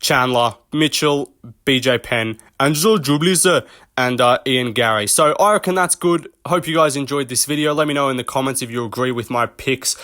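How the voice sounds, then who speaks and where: A man's voice: medium pitch, moderate pace, a bit bright, dry recording, studio quality. A young man hosting his own channel, riffing in a casual off-the-cuff commentary style. He rambles, swears freely and chuckles at his own jokes. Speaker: MMA commentary channel host.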